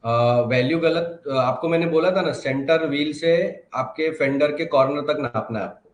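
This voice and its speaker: A man's voice: fairly high pitch, moderate pace, echoey room. Confident man teaching car diagnostics. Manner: confident, reassuring, instructive. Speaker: automotive diagnostics trainer. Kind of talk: live online training Q&A.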